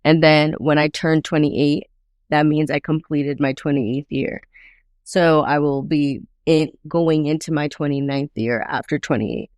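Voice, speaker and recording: A woman's voice: low-pitched, steady tone, a little slow, a little mellow, no room sound, clean studio sound. A woman in her late twenties co-hosting a casual podcast, chatty and playful with slang. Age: 20s. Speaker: podcast co-host. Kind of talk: casual chat.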